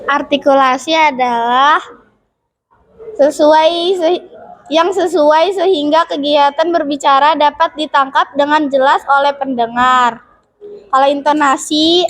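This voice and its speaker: A woman's voice: high voice, fairly even intonation, unhurried, pauses often. A woman student answering the teacher's question in class, reading hesitantly.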